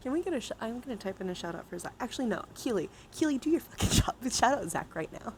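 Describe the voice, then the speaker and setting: Chatting with viewers over a dice game, this livestream host is playful and giggly and swears freely. Her fairly high voice swings widely in pitch and she talks fast. Heavy background noise runs under the recording.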